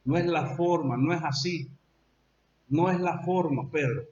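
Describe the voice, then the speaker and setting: A Salvadoran preacher lowers his voice into a stern, patient teacher who firmly repeats his rebuke. The recording is roomy and slightly muffled. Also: a little mellow, distant mic, close to an everyday voice. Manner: slow, firm repetition. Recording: echoey dull lo-fi church recording.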